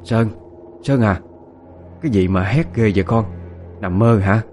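Guy doing a worried mom nagging her grown son, low voice, chiding. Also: a little slow, a little mellow, faint music behind, lightly acted. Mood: worried scolding. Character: fussing middle-aged mother, scolding gently.

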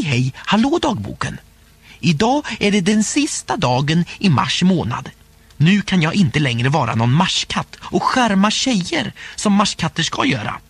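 A man narrating a humorous first-person diary story aloud in a playful, expressive way. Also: on the high side, husky. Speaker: audiobook narrator.

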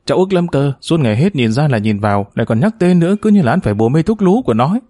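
A man's voice: fairly high pitch, big pitch swings, very fast, dark tone, no room sound, clean studio sound. A man voicing a bitter, jealous aunt-in-law who complains sulkily, in a narrated story. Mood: aggrieved.

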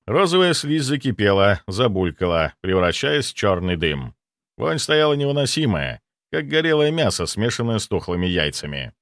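A man narrating a first-person fantasy audiobook in an expressive, vivid storytelling manner. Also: lowish voice, normal speed, no echo, studio quality.

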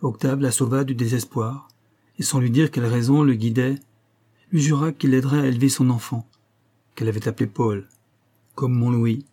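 Man, audiobook narration, measured and dramatic, husky, dark tone. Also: mid-range voice, fairly even intonation. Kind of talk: audiobook reading of a novel.

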